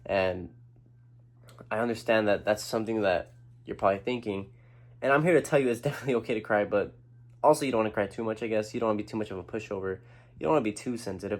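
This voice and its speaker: A young vlogger talks to the camera about his own feelings in an earnest, rambling way, restarting sentences and swearing casually. His voice is lowish and creaky.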